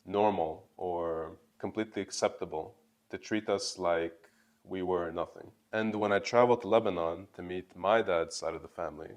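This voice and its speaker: Deep-voiced guy in his 20s from bulgaria, vlogging his own story, candid and earnest. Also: normal speed. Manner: earnest, candid, lively emphasis on key words. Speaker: YouTube channel host. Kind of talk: personal storytelling to camera.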